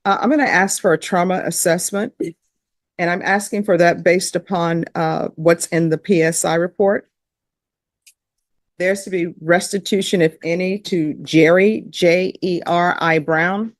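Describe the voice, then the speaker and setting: A woman judge running a hearing in a measured, procedural way, with a few light fillers. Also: fairly low pitch, steady tone, dry recording, studio quality. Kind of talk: courtroom proceedings.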